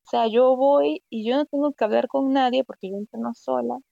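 A woman from Venezuela with a Venezuelan accent, chatting casually as a guest and telling stories with lively asides. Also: sits high, a little fast, vocal fry, no echo, lo-fi sound. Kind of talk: casual conversation.

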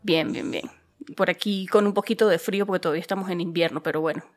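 A woman's voice: lowish voice, steady tone, fast, soft background music. A woman hosting a podcast interview, talking in a friendly, chatty way with light jokes. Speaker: podcast host. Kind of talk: conversational interview.

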